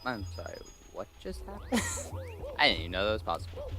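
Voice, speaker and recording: A man's voice: on the low side, huge pitch swings, fairly quick, over music. A young man hosting a let's play, chatting casually and hesitantly with ums and restarts. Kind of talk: casual gameplay commentary.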